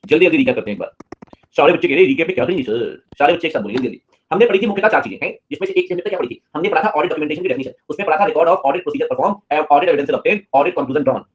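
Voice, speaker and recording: Very fast-talking joking male teacher. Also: on the high side, dull audio. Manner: joking, teasing banter with students. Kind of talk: live online class lecture.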